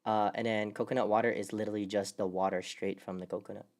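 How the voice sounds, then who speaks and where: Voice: deep voice, level tone, quick pace, darkish tone. A host of a casual livestream podcast, playful and hyped, laughing often and joking with the crew.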